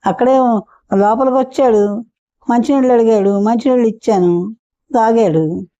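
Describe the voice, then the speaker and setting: A woman's voice: fairly high pitch, normal speed, warm tone, no room sound, natural voice. A woman voicing a fed-up, scheming poor housewife. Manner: complaining, plaintive. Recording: dull muffled recording.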